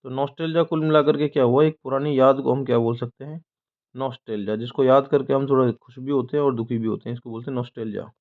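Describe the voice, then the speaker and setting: A man teaching English from newspaper headlines, who asks and answers his own questions and reads the English lines slowly, word by word. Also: mid-range voice, steady tone. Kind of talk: explaining newspaper headlines and dictionary words. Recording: tinny phone-like audio.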